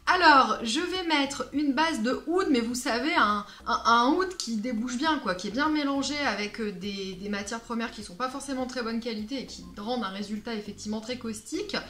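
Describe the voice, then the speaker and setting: A woman's voice: a little high, moderate pace, few pauses, bright, forceful tone. A woman chatting casually as a perfume vlogger, playful and self-mocking, with many fillers. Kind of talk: casual vlog chat. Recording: echoey room with faint music.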